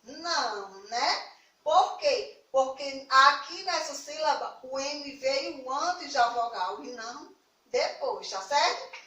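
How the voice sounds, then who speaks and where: A woman's voice: high-pitched, expressive, takes it slowly, sharp tone. A young woman from Brazil teaching a recorded lesson to children, patient, asking questions and answering them herself. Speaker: primary school teacher. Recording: echoey room, voice a little far from the mic.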